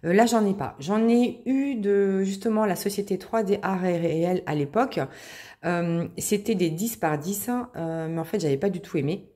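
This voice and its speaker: A woman hosting a craft tutorial, explaining casually with many pauses and restarts. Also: mid-range voice, mellow. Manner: chatty, many hesitations and restarts.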